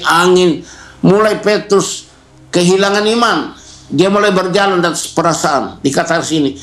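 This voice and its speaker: A male pastor preaching a sermon, repeating key words and pausing for emphasis. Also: high-pitched, a bit bright, roomy sound. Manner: preaching with repetition and emphatic pauses.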